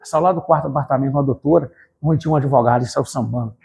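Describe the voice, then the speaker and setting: A man preaching an evangelical sermon in church, fervent and emphatic, addressing the congregation directly and rising to shouts. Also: mid-range voice, rapid-fire, gravelly.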